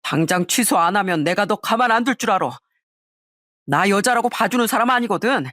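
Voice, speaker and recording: A volatile young man who sneers and barks threats, his voice pushed down into a low, hard register, as a woman puts him on. Medium pitch overall, read close and dry in an audio-story style. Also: expressive, brisk, fairly bright tone, no room sound. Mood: angry. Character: bullying young male ex-fiancé, hot-tempered.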